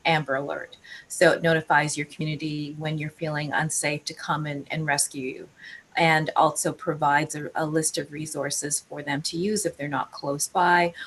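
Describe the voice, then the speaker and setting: A woman from Canada speaks as an interview guest over a video call. Her voice sits somewhat low, and her answers are earnest and measured, with plenty of fillers along the way. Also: a bit bright, slight background noise.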